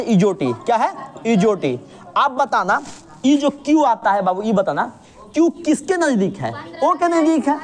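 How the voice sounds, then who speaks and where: A woman teacher with a lilt walks a student through a reasoning lesson. Her pitch swings widely as she drills with call-and-response, asking again and again whether there is any problem. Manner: patient, keeps checking understanding with repeated questions.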